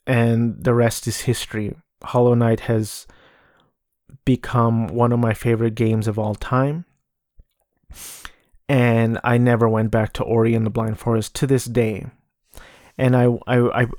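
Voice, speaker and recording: A man talks casually on a solo podcast in a mid-pitched, dry, close voice. His delivery is flat and subdued, with noticeable vocal fry. He often hesitates and repeats words as he searches for what to say. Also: dry recording. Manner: monotone, low-energy delivery. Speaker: podcast host. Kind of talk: casual solo podcast talk about video games.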